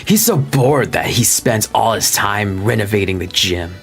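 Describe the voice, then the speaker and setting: A man's voice: lowish voice, expressive, unhurried, soft background music. A man voicing a laid-back, friendly young male fire-type trainer from a video game, reading the game's dialogue aloud.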